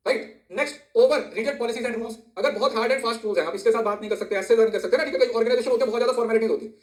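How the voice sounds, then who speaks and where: A man teaching an exam-prep lesson and mixing languages as he explains. He keeps checking in with his listeners and repeats the key terms. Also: extremely high pitch. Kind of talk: code-mixed lecture. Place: indoor room near a road. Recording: echoey room.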